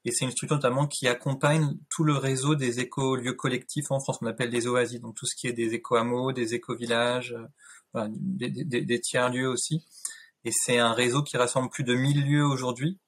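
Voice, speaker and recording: A man's voice: mid-range voice, little pitch movement, brisk, husky. A man in his thirties, a guest on a video call interview, speaking thoughtfully with many fillers and restarts. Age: 30s. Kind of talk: casual interview talk. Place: home room, indoors.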